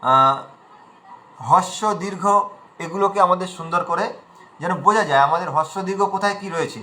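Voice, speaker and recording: A man with a high, bright voice leads an online recitation class. He explains patiently in plain talk and chants each verse line slowly and drawn out to demonstrate it. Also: rough recording. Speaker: recitation teacher.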